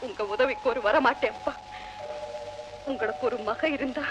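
A woman's voice: very high voice, animated, moderate pace, music in the background. A woman playing a married daughter who pleads tearfully with her father, then proudly cuts ties, in 1960s Tamil film acting. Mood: defiant.

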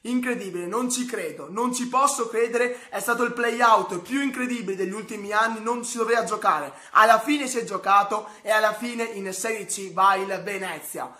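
A man in his twenties from Italy giving excited, breathless live football goal commentary, repeating key phrases. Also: high voice, moderate pace, few pauses. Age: 20s. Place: small room at home, indoors. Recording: roomy home-recorded sound.

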